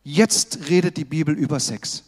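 A man's voice: a little high, moderate pace, a little mellow, breathy edge. A man preaching a sermon to his congregation, emphatic and exhorting, often calling out "hey" to stir them. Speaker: pastor. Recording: long hall reverb.

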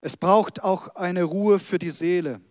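A man's voice: sits high, measured pace, a little mellow, dry recording, studio quality. A pastor preaching a sermon, talking to his congregation in a conversational way with light humour.

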